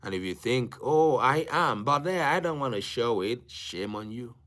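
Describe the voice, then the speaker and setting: A man from Africa with a Nigerian accent, whose native language is Igbo, speaks as a teacher urging live-stream viewers on. His lowish, fairly bright voice preaches emphatically, repeating phrases and pausing deliberately.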